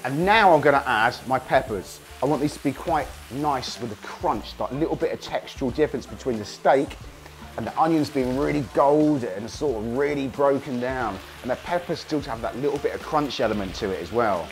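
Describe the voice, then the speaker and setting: A man hosting a casual cooking demonstration, hoarse from a cold, chatting enthusiastically to viewers as he cooks. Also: medium pitch, a little fast, faint music behind. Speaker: cooking show host.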